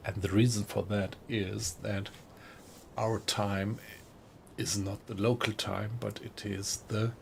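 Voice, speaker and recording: Slow, gravelly German-accented man. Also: on the low side, a little hiss or hum. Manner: relaxed, chatty, greets viewers in chat. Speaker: game streamer. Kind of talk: casual live-stream commentary.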